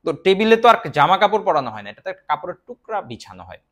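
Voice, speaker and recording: Man teaching English words, slightly high voice. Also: sing-song, a bit bright. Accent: Bangladeshi. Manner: explains slowly, spells words letter by letter; chatty asides about his own life. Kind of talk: vocabulary lesson.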